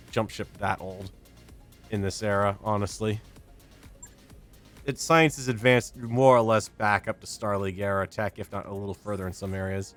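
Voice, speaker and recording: Wry male gamer over game music. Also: lowish voice. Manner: wry, sardonic asides. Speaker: gaming host. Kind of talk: casual let's-play commentary, reading game text aloud.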